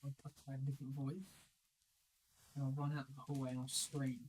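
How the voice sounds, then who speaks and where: A man's voice: medium pitch, monotone, fairly quick, a little mellow, a little hiss or hum, rough recording. A man playing a tabletop game, playful and jokey as he plans with the group. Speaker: player.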